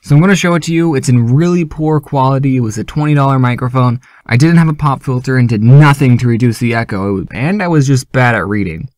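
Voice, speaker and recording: A man talking casually to his viewers as a YouTuber, joking with an animated delivery. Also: mid-range voice, fast, hardly any pauses, no room sound, clean studio sound. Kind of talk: casual vlog talk.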